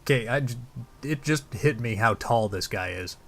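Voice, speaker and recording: A man's voice: mid-range voice, expressive, moderate pace, fairly bright tone. A man hosting a gameplay video, making joking, self-mocking asides. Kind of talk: casual gameplay commentary.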